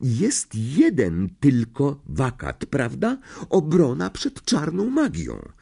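A man's voice: medium pitch, wildly swooping pitch, gravelly, mellow, slightly rough, voice pushed up, exaggerated voice. A man voicing an anxious, bookish teenage schoolgirl witch in an audiobook reading, speaking in an earnest, urgent way. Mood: knowing. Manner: earnest, urgent, slowed and lifted.

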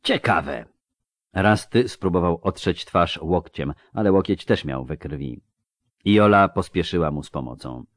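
A man narrating an audiobook in an expressive, theatrical way on a close mic. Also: low voice, measured pace, no echo.

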